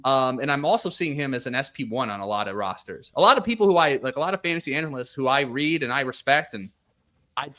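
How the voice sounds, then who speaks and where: A male host runs through fantasy baseball picks in a relaxed podcast chat. He thinks aloud, hedging and filling with "um" as he goes. His voice sits at an ordinary middle pitch. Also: quick pace. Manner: thoughtful, hedging, many fillers.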